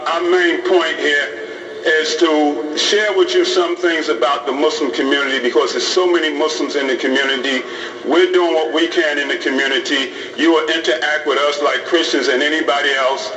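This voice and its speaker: A middle-aged imam talks plainly to a class of police recruits, leaning on repetition to make his points. His voice sits a little high for a man. It carries through a big echoing hall and reaches a microphone set some way off. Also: a bit bright, highs cut off. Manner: plain-spoken, repeats phrases for emphasis. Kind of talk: informal talk to police recruits. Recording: roomy hall audio from a distant mic.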